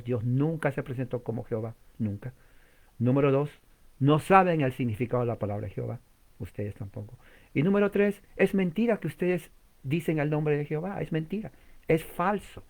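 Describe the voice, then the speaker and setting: A man's voice: mid-range voice, a little mellow. A man preaching a sermon in a teaching manner. He asks the listeners many questions, repeats key words and jumps up in emphasis. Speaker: pastor.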